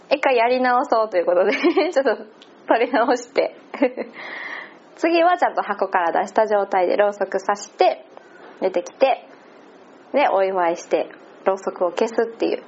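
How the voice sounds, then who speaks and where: A woman with a Kansai accent talks in a relaxed, chatty way, laughing often between phrases. Her voice sits a little high. The recording sounds slightly muffled and lo-fi. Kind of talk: casual spoken recap.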